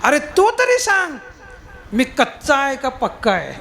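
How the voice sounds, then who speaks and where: Man doing a hot-headed saint, exasperated, high and animated. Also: unhurried, vocal fry, slight background noise, full character voice. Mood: aggrieved. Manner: exasperated, protesting. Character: indignant grown man saint, quick-tempered.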